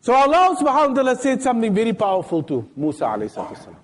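A sheikh's Friday talk in a mosque comes through with slight background noise, his very high voice rapid-fire. He recounts stories in plain everyday language, bringing scenes alive with animated quoted dialogue.

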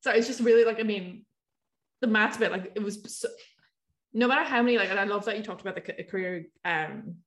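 A young woman chatting casually in a halting way, often restarting mid-thought. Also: mid-range voice. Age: young adult. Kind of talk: casual chat. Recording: echoey room sound.

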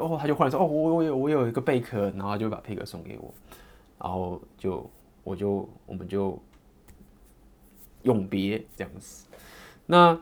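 A man in his thirties with a Taiwanese Mandarin accent, telling a personal story in a rambling, casual way with many fillers and restarts. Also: lowish voice.

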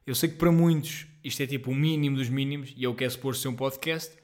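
Chatty young Portuguese podcast host. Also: male voice, medium pitch, fast talker. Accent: European Portuguese. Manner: rambling, self-deprecating, excitable, heavy slang and fillers. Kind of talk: casual solo podcast monologue. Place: at home.

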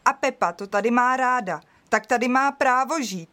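A woman playing a calm kind animal friend. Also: a little high, lightly acted. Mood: reassuring. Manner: calm, reassuring.

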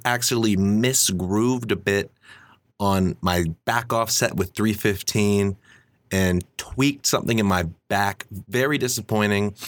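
A man recording a quick inserted correction for his podcast, sounding a bit sheepish as he explains. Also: lowish voice, fairly bright tone, no room sound. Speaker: podcast co-host.

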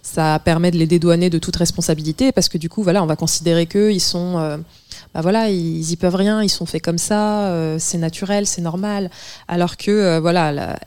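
A woman's voice: lowish voice, fairly even intonation, normal speed, darkish tone, smooth, no room sound. A woman author answering interview questions, thoughtful, searching for words. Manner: thoughtful, many fillers and restarts. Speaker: author and guest.

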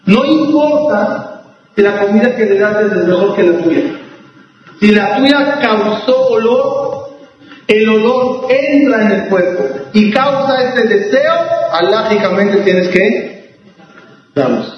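A man teaching a religious law lesson as a rabbi, deliberate, with restarts and rhetorical questions. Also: sits high, animated. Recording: echoey hall, distant mic, dull sound.

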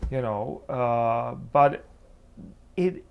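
Speaking extremely slowly, this Czech-accented preacher from the Czech Republic reflects on theology as an interview guest, feeling his way toward the right words. His medium-pitched voice is smooth with vocal fry, and the sound is lo-fi.

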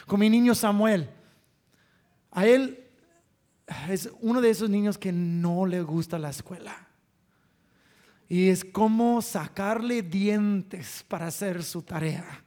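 A man's voice: high-pitched, slow, long pauses, mellow. A man preaching a sermon through family stories, emphatic, repeating phrases and chuckling between points.

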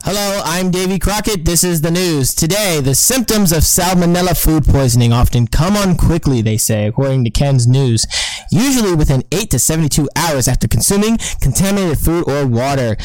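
Man doing a mock tv news anchor, stiff formal delivery, dry close sound, higher pitch. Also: expressive, a little fast, a little mellow, no room sound, natural voice, poor audio. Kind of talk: mock newscast reading.

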